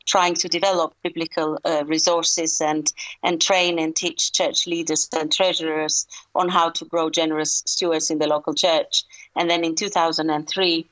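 A low-voiced woman from Albania speaks in an earnest, measured way, often restarting her phrases. She is a guest in a radio interview. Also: fairly bright tone, poor audio. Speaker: fundraising consultant, guest.

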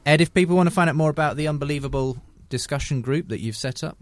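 A man's voice: fairly high pitch, fast. A man hosting a radio discussion in a conversational way. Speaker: radio discussion show host.

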